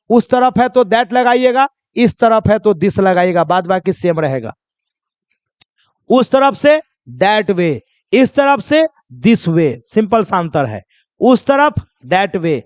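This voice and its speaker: A man teaching spoken English, speaking in a high, clear, resonant voice that sounds close and dry. He explains in chatty Hindi with little acted scenes, then says each English phrase very slowly and asks students to repeat it. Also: no echo. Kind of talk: classroom-style spoken English lesson.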